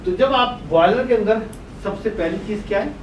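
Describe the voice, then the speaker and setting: Wearing a face mask, an older professor with a Pakistani Urdu accent teaches boiler chemistry at a whiteboard in a brick-walled meeting room, quizzing students and supplying the answers himself. His voice is high and his pace moderate. The recording comes from a distant room mic, far away, echoey and noisy.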